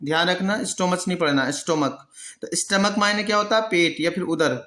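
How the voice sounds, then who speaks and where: A male teacher giving a vocabulary lesson, who explains patiently, answers his own questions and repeats each word slowly. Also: sits high, sharp tone, reverberant. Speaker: English pronunciation teacher. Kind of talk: Hindi-language vocabulary lesson.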